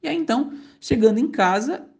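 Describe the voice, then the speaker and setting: Lady telling a religious story, mellow casual voice, keeps repeating the same linking phrase. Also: a little high, animated, fairly quick, gravelly. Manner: links each part with a repeated connecting phrase.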